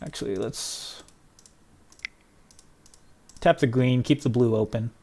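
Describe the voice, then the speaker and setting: Excitable man doing gameplay commentary. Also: mid-range voice, slow pace, creaky, slight background noise. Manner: excitable, swings from mutters to loud cries and laughter. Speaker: gaming video creator.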